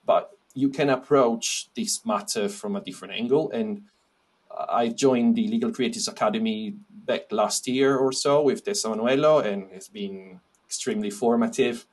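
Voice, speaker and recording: A man from Italy with an Italian accent, speaking as a podcast guest in a relaxed interview, with frequent restarts and fillers. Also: medium pitch. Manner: halting, with many restarts and fillers. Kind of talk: casual interview chat.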